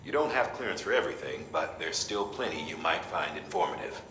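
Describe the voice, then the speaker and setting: An actor playing a grave, commanding director giving a mission briefing in a video game. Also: male voice, a bass voice, animated, brisk, fairly bright tone, soft background music. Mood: grave, instructive. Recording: roomy echo, clear background noise.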